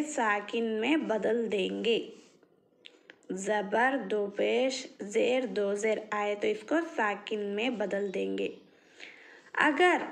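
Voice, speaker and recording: A woman teaching Quran reading rules in a slow step-by-step lesson, posing questions and answering them herself, and drawing out example words very slowly. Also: on the high side, gravelly.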